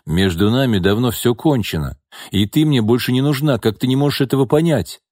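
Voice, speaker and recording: A man voicing a cold, calm, mocking wealthy older man in an audiobook. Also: mid-range voice, fairly quick, no room sound, clean studio sound, voice pushed up, lightly acted.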